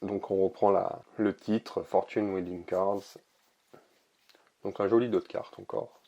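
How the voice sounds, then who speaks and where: A man casually showing an oracle card deck, talking in a relaxed, hesitant way with many pauses and fillers. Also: deep voice, highs cut off. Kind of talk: casual product presentation to camera.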